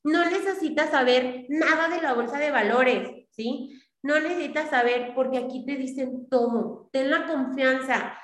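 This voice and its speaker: A woman's voice: high-pitched, a little slow, a bit bright, roomy sound. A young adult woman giving a motivational business talk on a video call, coaching and repeating her points with frequent checks for agreement. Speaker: business team leader.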